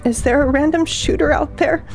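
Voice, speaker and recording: A woman reading aloud from her journal in a halting, hushed, shaken way, then talking about it in her home. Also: sits high. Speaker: eyewitness interviewee. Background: music.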